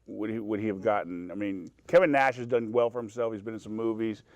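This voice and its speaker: A man's voice: lowish voice, fast, darkish tone, dry recording. A man in a casual panel chat, thinking aloud in a reflective way and weighing what-ifs.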